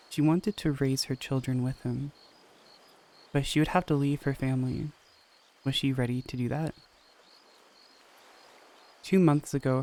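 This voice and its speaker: A man narrating an audio story in a calm, steady way and speaking as the channel's host. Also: mid-range voice. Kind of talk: scripted narration.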